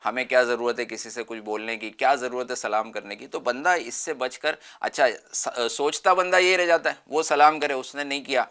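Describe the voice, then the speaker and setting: Bright-voiced man explaining earnestly. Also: mid-range voice, fairly even intonation, hardly any pauses, smooth. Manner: earnest, explanatory, lists everyday examples. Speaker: guest speaker. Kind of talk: religious talk show discussion.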